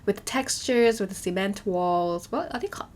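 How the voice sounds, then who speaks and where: A young woman with a hoarse voice, chatting and rambling as a voiceover for her game building video, full of fillers and restarts. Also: mid-range voice, normal speed. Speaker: Sims speed-build YouTuber.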